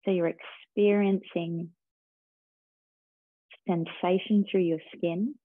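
A woman teacher slowly guiding a breathing and body-awareness meditation in a calm, soothing way. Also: lowish voice, dry recording. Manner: slow, calm, soothing guidance. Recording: tinny phone-like sound.

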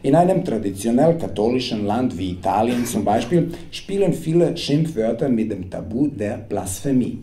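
In a roomy little club full of audience noise and laughter, a native Serbian man in his thirties reads his humorous text at a table stand mic. His warm, mid-range voice is animated, with hardly any pauses at a moderate pace, and his delivery is wry and playful.

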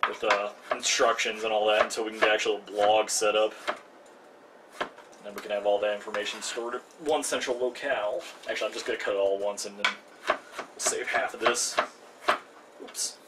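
A young man hosts a live cooking stream from his home kitchen, chatty and self-mocking with jokey asides during the casual demo. His voice is on the low side, brisk, with fairly even intonation. The mic is distant and the kitchen noisy.

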